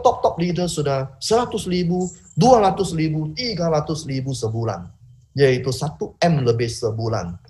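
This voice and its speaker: A man from Indonesia delivers a rousing sales pitch over a video call. His voice sits a little on the high side and he speaks with fiery emphasis, swinging sharply in pitch and loudness. He drops English catchphrases into the flow. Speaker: business opportunity presenter.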